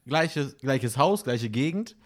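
A man's voice: medium pitch, takes it slowly. A man in casual podcast chat, telling stories animatedly and acting out what people said. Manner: animated storytelling, acts out dialogue.

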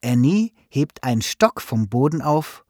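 A man narrating a children's story in an expressive, storytelling manner. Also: mid-range voice, a little slow, no echo, clean studio sound.

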